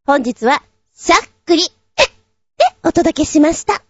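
A woman hosting a radio show, chatting casually and giggling between quick asides while she reads listener messages. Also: high voice, expressive, a bit bright, no room sound. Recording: muffled lo-fi with faint music.

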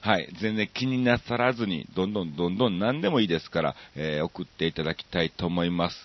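A man from Osaka with a Kansai accent hosting a radio show, chatting casually and reading listener mail with lots of drawn-out fillers. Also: sits low, lively intonation, highs cut off. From Osaka, Japan.

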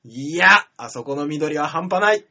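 A man's voice: on the high side, measured pace, bright, forceful tone, highs cut off. A man from Shimane co-hosting a radio talk show, answering teasing with playful, self-mocking comebacks. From Shimane, Japan. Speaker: radio co-host, comedian. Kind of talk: casual comedic banter.

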